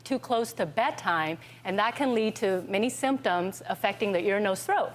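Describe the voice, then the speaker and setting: A woman's voice: mid-range voice, animated, normal speed. A middle-aged woman, a children's ear, nose and throat doctor, earnestly explaining and demonstrating as a guest in a TV studio. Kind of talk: explaining on a talk show.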